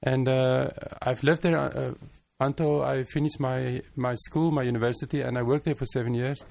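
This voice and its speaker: A man's voice: medium pitch, steady tone, moderate pace, creaky, a little mellow. A middle-aged man from South Africa, a guest on a podcast interview, talking in a friendly, repetitive, easygoing way in a studio. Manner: friendly, repeats phrases, laughs easily. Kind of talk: conversational interview. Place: office studio.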